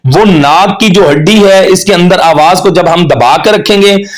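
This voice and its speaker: Male tajweed teacher, slightly high voice, slow and corrective. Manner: patient, corrects common mistakes, drawn-out recited examples. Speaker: Quran recitation teacher. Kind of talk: tajweed lesson with slow demonstrations.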